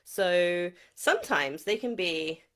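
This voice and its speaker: Slow-talking woman yoga teacher. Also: fairly low pitch. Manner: animated, dramatic acting-out of examples, frequent "right?". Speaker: kids' yoga teacher and parent. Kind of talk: casual instructional talk to parents.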